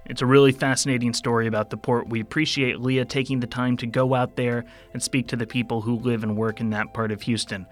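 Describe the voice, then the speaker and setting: A man's voice: medium pitch, level tone, fairly quick, few pauses, soft background music. A man hosting a podcast, giving a friendly, informative sign-off. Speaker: podcast host. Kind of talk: show outro.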